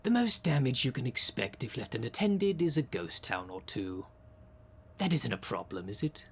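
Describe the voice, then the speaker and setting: A medium-pitched, sing-song male voice moves at a moderate pace, with slight background noise. Addressing the listener in a scripted audio roleplay, he acts as a theatrical demon caretaker, grandiose and formal, with a dry, businesslike, sardonic salesman's manner.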